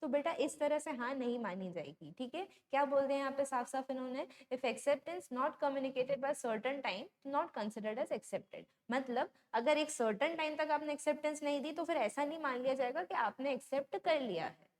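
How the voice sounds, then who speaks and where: A woman giving a conversational law lecture, explaining through stories and asking rhetorical questions, and reading English legal phrases slowly. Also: high voice.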